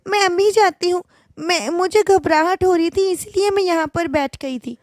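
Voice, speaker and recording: A flustered young bride who stammers out apologies, as a woman puts her on. She sounds high and bright, raised above the narrator's own voice, and she sits close and dry against the mic. She is timid and nervous in this cartoon story. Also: normal speed, dry recording. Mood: flustered apologetic.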